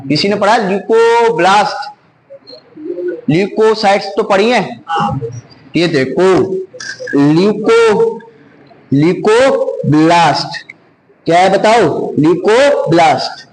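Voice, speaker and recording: A man's voice: high voice, expressive, a little slow, pauses often, rough recording. A male science teacher running call-and-response drills in a classroom, asking the same questions over and over until the class answers. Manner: drills terms with repeated questions.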